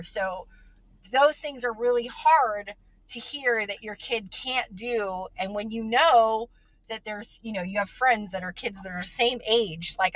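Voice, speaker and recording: A woman's voice: on the high side, fairly bright tone, no room sound. A woman hosting a podcast and talking about her child, earnest and emotional, full of fillers and restarts. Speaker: podcast host and parent. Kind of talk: casual conversation.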